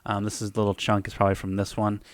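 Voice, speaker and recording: A man's voice: on the low side, monotone, rapid-fire, dry recording, clean studio sound. A man talking casually as a vlogger, explaining things informally to his viewers.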